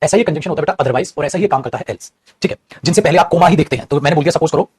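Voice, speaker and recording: A man's voice: on the high side, racing, darkish tone, husky. A man with an Indian accent teaching an English grammar lesson in Hindi, repeating each point and calling his students "beta".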